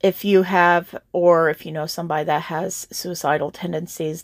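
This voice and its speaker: A woman's voice: sits low, no room sound, studio quality. A woman voice actor hosting her own channel, earnestly speaking straight to her listeners in a casual update.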